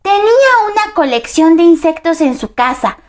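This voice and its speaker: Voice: very high voice, big pitch swings, moderate pace. A performer voicing a cheerful young princess who tells a children's story in a sing-song, giggly way. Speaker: co-host storyteller. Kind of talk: storybook narration for kids.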